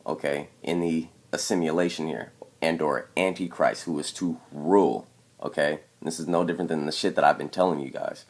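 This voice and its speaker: A man giving an explanatory commentary over clips, emphatic and constantly checking in with "okay?". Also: a bass voice. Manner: emphatic, repeats "okay?" to press points. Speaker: video commentator.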